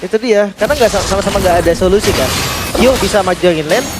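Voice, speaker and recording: Very high-pitched, rapid Indonesian male esports commentator. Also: heavy background noise. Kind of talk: animated match analysis and commentary. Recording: loud game music behind the voice. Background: loud music.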